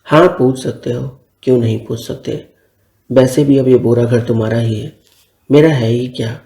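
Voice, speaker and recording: A man's voice: medium pitch, steady tone, normal speed, creaky, dark tone, lightly acted. A man voicing an emotional young woman, an elder sister about to marry, talking in a hurt, pleading and scolding way. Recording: roomy echo.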